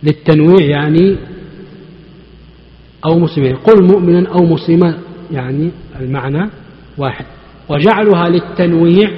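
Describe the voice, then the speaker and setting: A man who teaches a mosque lesson on hadith. He explains points step by step and poses questions to his students before answering them himself. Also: medium pitch. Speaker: Islamic scholar teaching hadith. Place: large mosque hall. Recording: echoey mosque hall, dull lo-fi recording.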